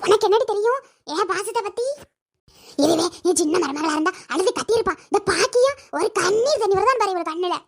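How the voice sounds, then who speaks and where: A woman's voice: very high-pitched, animated, fairly quick. A woman voicing a nagging, complaining grandmother and mother-in-law in a cartoon, scolding and wailing by turns. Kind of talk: cartoon voice acting.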